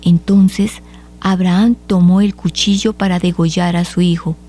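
A woman reading scripture aloud at a measured, solemn pace for a liturgy. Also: lowish voice, fairly even intonation, mellow. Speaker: liturgical reader.

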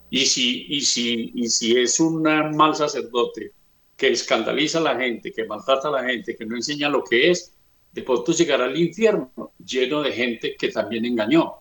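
A man giving an earnest religious talk, slow and emphatic, retelling scripture stories. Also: medium pitch, a bit bright. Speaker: speaker on family and faith. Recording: roomy echo.

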